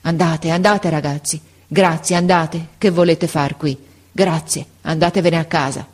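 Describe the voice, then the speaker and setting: A woman's voice: low-pitched, fairly even intonation, measured pace, darkish tone. A woman reading aloud voices a big, grieving bricklayer father who cries out in anguish. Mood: weary.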